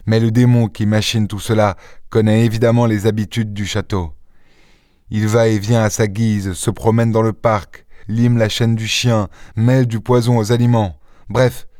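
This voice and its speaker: Man voicing a commanding gentleman sleuth, low and solemn, dry audiobook sound. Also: dry recording, close to an everyday voice. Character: calm, grave gentleman detective, commanding.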